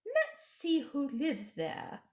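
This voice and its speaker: A woman voicing an imperious, falsely sweet witch queen from a storybook, with a grand, coaxing, drawn-out delivery. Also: high voice, wildly swooping pitch, pitched above the performer's own voice, exaggerated voice. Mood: coaxing, sly. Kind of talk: storybook character reading. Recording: echoey room.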